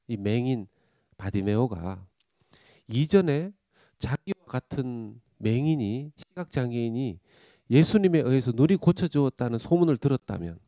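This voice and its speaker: A middle-aged pastor preaching a sermon, telling a Bible story and acting out the cries and thoughts of its figures, often rising to a loud voice. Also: male voice, medium pitch, dry recording, studio quality.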